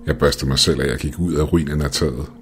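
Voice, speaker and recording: A man reads a first-person ghost story in a calm, measured way. His voice sits extremely low, and quiet music runs underneath. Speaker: narrator. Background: faint music.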